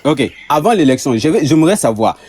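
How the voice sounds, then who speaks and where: An Ivorian man arguing in a heated online debate, hesitant with many restarts, turning loud when pushed. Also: on the high side, sing-song, fast, a crowd in the background. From Côte d'Ivoire.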